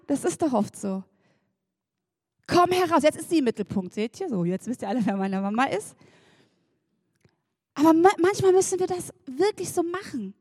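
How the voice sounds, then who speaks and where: A high-voiced woman delivers a sermon in a lively, chatty way, turning often to speak directly to her listeners. Her voice sits dry and close, with hardly any room sound around it. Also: dry recording. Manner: lively and chatty, laughs and addresses the congregation directly. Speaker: preacher.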